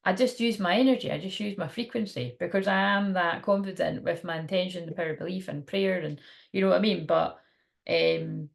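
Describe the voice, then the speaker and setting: A woman's voice: fairly low pitch, fairly quick, vocal fry. A woman chatting casually to camera as a spiritual teacher, in a rambling, informal way.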